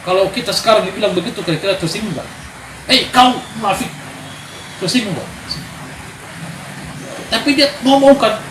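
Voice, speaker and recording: A man's voice: high voice, fairly quick, long pauses. A man preaching a sermon, telling stories with energy and calling for amens. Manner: animated storytelling, calls for amen. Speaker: preacher at a men's gathering. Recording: echoey room with background noise.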